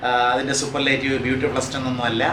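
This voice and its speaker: A man teaching English grammar to exam students. He reads rules out slowly and drills word forms one by one. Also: medium pitch, flat delivery, roomy sound, background noise. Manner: reads English rules out slowly, then explains them at a quicker pace. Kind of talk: classroom lecture for exam students.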